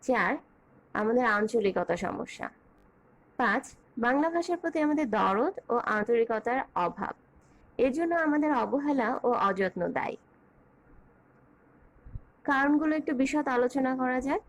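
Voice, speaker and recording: High-pitched woman teaching a lesson. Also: animated, rough recording. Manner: measured, clear, enumerating points and spelling out examples. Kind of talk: online grammar lesson.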